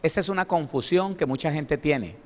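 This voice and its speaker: A man's voice: a little high, animated, normal speed, long reverb tail. A male pastor preaching a Bible study sermon, emphatic and full of rhetorical questions aimed at his listeners.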